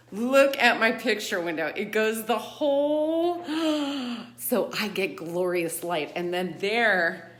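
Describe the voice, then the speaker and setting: A woman's voice: medium pitch, reverberant. Chatty woman vlogging at home. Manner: chatty, animated, laughs often. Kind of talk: casual vlog chat. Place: her apartment, indoors and out.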